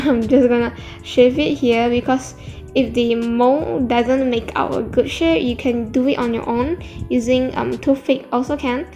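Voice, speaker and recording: A woman narrating a casual craft tutorial in a halting, self-correcting way, her speech slightly affected by new braces. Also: high voice, darkish tone.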